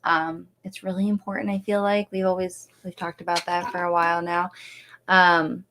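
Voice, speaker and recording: A woman's voice: on the low side, little pitch movement, moderate pace, a bit bright, slight background noise. A woman co-hosting a couple's podcast, chatty and laughing easily, explaining plans with hesitant fillers. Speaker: podcast co-host. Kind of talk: casual chat.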